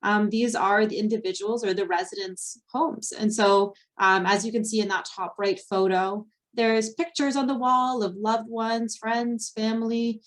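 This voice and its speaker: A woman's voice: on the high side, fairly even intonation, measured pace, hardly any pauses. A young adult woman presenting a slide webinar, explaining step by step with frequent ums and fillers. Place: Ontario.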